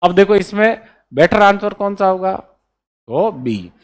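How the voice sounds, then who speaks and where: A man's voice: high voice, animated, slow, clear, resonant tone. A male teacher giving a classroom lecture, drilling memory codes letter by letter and checking in with students again and again. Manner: keeps checking in with students, repeats key points. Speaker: exam-prep teacher.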